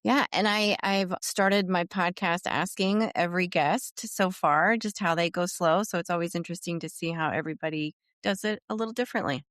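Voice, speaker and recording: A middle-aged woman hosting a podcast, asking questions and sharing thoughts in a soft, reflective, encouraging way. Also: on the low side, normal speed, hardly any pauses, no room sound, studio quality. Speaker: podcast host. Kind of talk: interview conversation.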